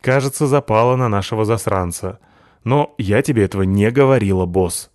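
A man voicing a gloomy, sarcastic young woman assistant in a deadpan manner. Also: fairly low pitch, a little fast, no echo, studio quality, natural voice.

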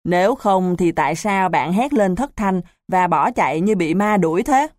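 A woman's voice: on the low side, animated, normal speed, darkish tone, dry recording, clean studio sound, lightly acted. A woman voicing a bossy, suspicious schoolboy who talks in an accusing, insistent way.

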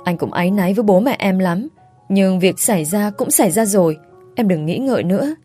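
A woman reading the part of a tired but protective young husband who speaks in a low, measured way. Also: mellow, husky, soft background music, close to an everyday voice. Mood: tired, gentle.

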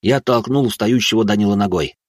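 A man's voice: lowish voice, a little fast, dry recording. A man narrating an audiobook in the first person with dry, sardonic storytelling.

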